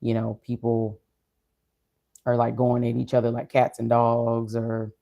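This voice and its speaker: A vlogger shares personal reflections in a casual monologue. The voice is mid-pitched, dark and mellow, with little melodic movement. Delivery is subdued, low in energy and unhurried. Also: completely flat delivery, gravelly, highs cut off. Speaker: streamer or vlogger.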